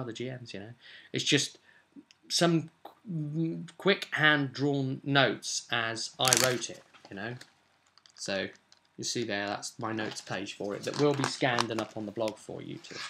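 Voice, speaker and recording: A young adult man with a mid-range, sharp-toned voice speaks casually as a game master, explaining a tabletop role-playing session. He leans on key words in a conversational way, indoors in a small, cluttered room at home.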